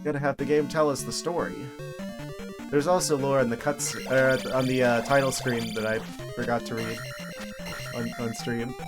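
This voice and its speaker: Male streamer, mid-pitched, casual off-the-cuff gameplay commentary with hesitant thinking aloud, game soundtrack audible behind. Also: fairly even intonation, moderate pace. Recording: video game music behind voice. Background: video game music.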